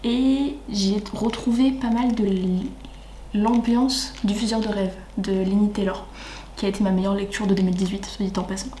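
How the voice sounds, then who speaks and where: A young woman chatting enthusiastically as a book vlogger, often dropping into soft breathy asides. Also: medium pitch, fairly even intonation, moderate pace. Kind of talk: casual chat. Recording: echoey room with faint ambient noise.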